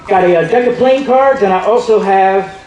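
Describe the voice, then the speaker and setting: A man's voice: high voice, moderate pace, dull audio. A man performing as a stage magician, teasing and joking with the audience. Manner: joking, teasing the audience, bursts of loud hype. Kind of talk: live magic show banter. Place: large theater on a cruise ship. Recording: echoey hall recorded from far off, crowd noise. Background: audience chatter and laughter.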